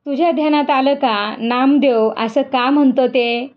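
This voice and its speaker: A woman voicing a wise male guru who speaks calmly and knowingly. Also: high voice, unhurried, lo-fi sound.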